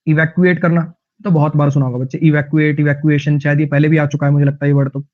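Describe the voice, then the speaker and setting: A male teacher with a Haryanvi-tinged Hindi accent, giving an online vocabulary lesson in a chatty, jokey way with lively anecdotes. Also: fairly high pitch, fast talker, narrow, tinny audio.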